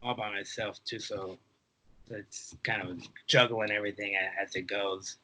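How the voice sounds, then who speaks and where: In a low-quality recording, a Mexican-born reseller in his twenties who has lived in the United States since he was three chats casually as an interview guest. His voice is on the low side, steady, bright and forceful at a normal speed, as he tells stories loosely and quotes what he was thinking.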